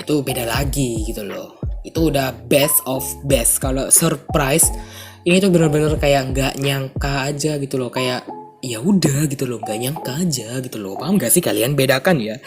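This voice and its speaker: A young man with an Indonesian accent and a congested, stuffy nose, chatting casually to viewers as a book vlogger and slipping in English phrases. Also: mid-range voice.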